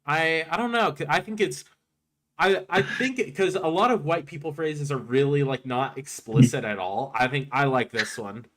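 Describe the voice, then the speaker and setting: A man's voice: fairly high pitch, moderate pace, a bit bright, slight background noise. A man hosting a live stream, chatting casually, swearing freely and sounding mock-indignant. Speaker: streamer host.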